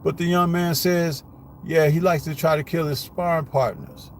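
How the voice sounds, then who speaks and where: A man's voice: a little high, fairly even intonation, moderate pace. A man hosting a live boxing commentary stream, blunt and rambling, with lots of rhetorical questions. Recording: noisy live stream with street and car noise.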